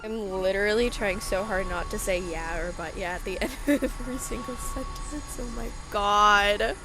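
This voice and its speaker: A woman's voice: mid-range voice, moderate pace, over music. A woman in her early twenties with a feminine voice, giving a casual, self-conscious voice-over with rambling, self-mocking asides. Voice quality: feminine-sounding. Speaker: gaming channel creator.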